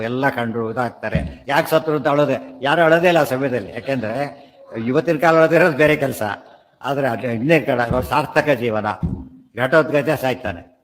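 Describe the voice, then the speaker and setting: Man teaching scripture in a reverberant hall. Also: mid-range voice. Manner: conversational, asks "understood?" often; chants verses slowly. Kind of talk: Sanskrit verse commentary lecture.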